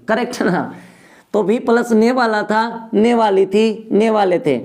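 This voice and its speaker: Slow, high-voiced man teaching. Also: darkish tone. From Gaya, Bihar, India. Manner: slowly dictates formulas, keeps asking "correct?", rhyming asides. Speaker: English teacher. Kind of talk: Hindi-medium grammar lesson.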